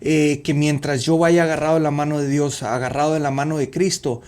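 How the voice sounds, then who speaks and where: Man, forties, earnest and halting, slightly higher-pitched voice, faith testimony, lots of fillers. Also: level tone, darkish tone. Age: 40s. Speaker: podcast guest, youth minister.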